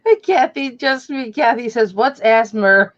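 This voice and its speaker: Woman guest, teasing chat, high lively voice, dull online sound. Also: measured pace. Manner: teasing, laughs often. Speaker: guest on a reseller live stream. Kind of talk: casual joking chat.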